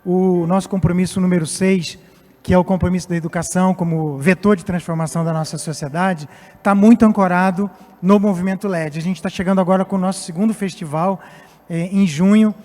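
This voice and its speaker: A late-fifties Portuguese company executive talks briskly in a high, mellow voice with fairly even intonation. He is a guest speaker on stage at a live event, delivering a semi-formal, somewhat hesitant speech in a reverberant hall over music.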